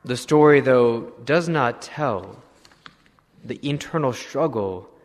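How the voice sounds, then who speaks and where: Male priest, mid-pitched, unhurried sermon storyteller, long reverb around him. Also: animated. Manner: slow, measured retelling with clearing of throat.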